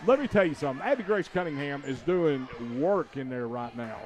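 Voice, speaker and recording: A man giving rapid, excited play-by-play of a high school basketball game from a school gymnasium, his voice jumping up on every shot. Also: a faint crowd. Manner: rapid, excited calls that rise on shots. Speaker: play-by-play announcer.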